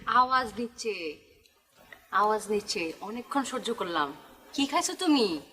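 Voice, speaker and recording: A woman's voice: mid-range voice, big pitch swings, a little slow, sharp tone. An actress playing a sarcastic young woman scolding her boyfriend, in a comedy skit.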